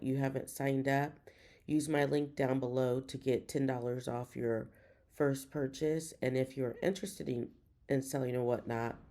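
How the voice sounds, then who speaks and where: Woman reseller vlogging, winded, gravelly low-toned delivery, upbeat rambling chat. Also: mellow. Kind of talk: casual vlog update.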